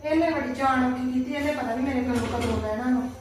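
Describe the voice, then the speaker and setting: A woman playing a sharp-tongued daughter-in-law who snaps back in a family skit, recorded far from the mic in an echoey space. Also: high-pitched, steady tone, quick pace, background noise, lightly acted. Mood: muttering. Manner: snapping back, irritated. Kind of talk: amateur family sketch acting. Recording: echoey, distant phone mic.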